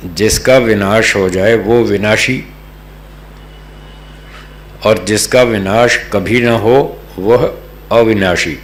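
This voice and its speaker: A low-voiced man from North India gives a scripture lesson at a very unhurried pace, pausing to check that his listeners follow. He explains patiently and plainly. The recording sits in an echoey room with a faint hum underneath. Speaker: religious teacher.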